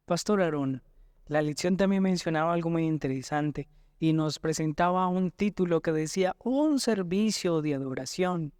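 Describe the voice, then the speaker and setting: Colombian male pastor, high voice, affirming co-host, dry studio sound. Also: normal speed, darkish tone, clear, resonant tone, no echo. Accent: Colombian Spanish. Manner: affirming, asks questions, reads scripture. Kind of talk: Bible lesson discussion.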